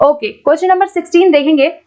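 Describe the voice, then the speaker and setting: A woman teaching an exam-prep lesson, patiently explaining and reading English questions out slowly. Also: extremely high pitch, darkish tone. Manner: explains patiently, repeats points, keeps checking with "ठीक है".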